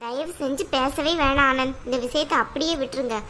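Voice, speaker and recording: Cartoon role: fiery young wife, high, piercing voice, voiced by a woman. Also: fairly even intonation, brisk, slight background noise. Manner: complaining, sharp-tongued. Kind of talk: cartoon voice acting.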